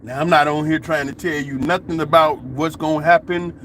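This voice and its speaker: A man's voice: fairly high pitch, fairly quick, slight background noise. A man vlogging a casual opinion monologue, telling stories animatedly in colloquial speech. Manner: animated storytelling, colloquial, laughing asides.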